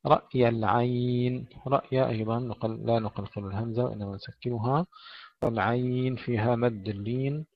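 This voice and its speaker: A man's voice: mid-range voice, steady tone, fairly quick, no room sound. A man giving a recitation lesson, explaining pronunciation carefully and demonstrating sounds by saying words the right and the wrong way. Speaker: Quran recitation teacher. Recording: dull lo-fi recording.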